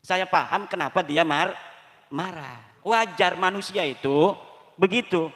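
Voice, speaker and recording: A preacher from Banten giving a lively sermon at an Islamic boarding school gathering, firing rhetorical questions at his audience. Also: high voice, measured pace. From Banten, Indonesia. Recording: long hall reverb.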